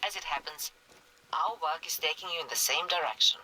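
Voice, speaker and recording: An actor voicing a male radio contact in a video game, giving calm, businesslike orders to a hunter. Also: fairly high pitch, fairly quick, slight background noise, rough recording. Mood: briefing. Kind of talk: scripted game dialogue.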